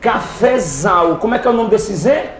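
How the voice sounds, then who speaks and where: A man teaching a live exam-prep class, lively, firing questions at the students and answering them himself. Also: very high voice, very fast, soft background music. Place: lecture hall with students. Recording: echoey hall with faint background noise.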